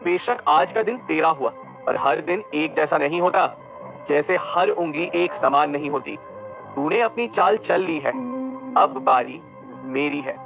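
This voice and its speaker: A man's voice: fairly high pitch, animated, unhurried, vocal fry, a bit bright, soft background music, full character voice, rough recording. A man doing a vengeful bitter rival.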